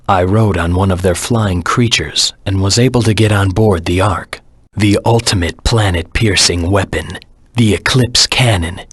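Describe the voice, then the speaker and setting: An actor voicing a brooding, vengeful anti-hero hedgehog in a video game, with a husky rasp and a grim, terse, dramatic delivery. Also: male voice, a bit bright, dry recording, clean studio sound, exaggerated voice. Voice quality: low, husky, gravelly rasp.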